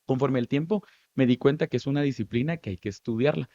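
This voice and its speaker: A Guatemalan man in his thirties, a stage actor, telling lively stories from his life in an interview, with a Guatemalan Spanish accent. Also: medium pitch, fast talker, no echo, dull audio. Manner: animated, lively storytelling with many asides. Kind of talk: storytelling interview answers.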